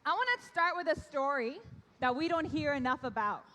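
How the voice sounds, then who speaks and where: Animated and speaking at normal speed, a young event host addresses children at an awards ceremony, drawing them into call-and-response. Her voice is high and bright, echoing with a big hall's long reverb; she's a native Korean speaker raised in Canada.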